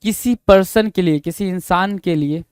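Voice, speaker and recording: A man teaching English idioms in Hindi for exam prep. He repeats each idiom slowly and keeps asking the class rhetorical questions. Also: high-pitched, darkish tone, smooth, no echo, clean studio sound. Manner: asks the class rhetorical questions, calling them "bhai". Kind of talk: exam-prep vocabulary lesson.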